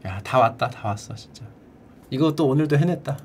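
A man streaming and chatting casually, drilling words by repetition in a playful way and breaking into shouted cheers. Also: expressive, fairly quick, slight background noise. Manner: playful, drills words by repeating them in a high echo. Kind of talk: casual livestream chat.

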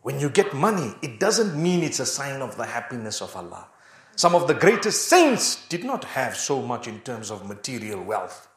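A man's voice: mid-range voice, big pitch swings, moderate pace. Man, Islamic preacher, emphatic sermon, rhetorical questions, roomy echo.

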